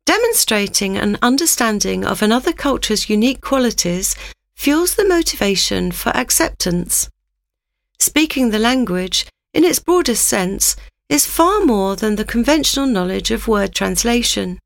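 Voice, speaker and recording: A woman giving a scripted, instructive narration in a measured reading manner. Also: on the high side, animated, gravelly, no room sound, studio quality.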